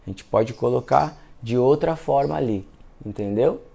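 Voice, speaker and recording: A man's voice: mid-range voice, moderate pace, creaky. A man with a Brazilian Portuguese accent, a physiotherapist giving a casual live class, telling patient stories and acting out the dialogue. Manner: animated storyteller, acts out dialogue, repeats words. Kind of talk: casual spoken lesson with case stories.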